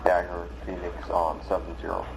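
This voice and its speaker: Man, helmet radio intercom, flat monotone, distant noisy radio chatter, clipped radio procedure. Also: deep voice, normal speed, gravelly. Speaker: radio operator on a training exercise.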